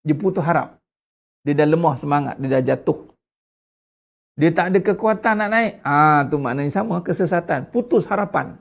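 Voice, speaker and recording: A man with a Malaysian Malay accent giving an Islamic study lecture, putting rhetorical questions to the congregation with lively emphasis. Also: a little high, normal speed, vocal fry. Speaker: religious teacher.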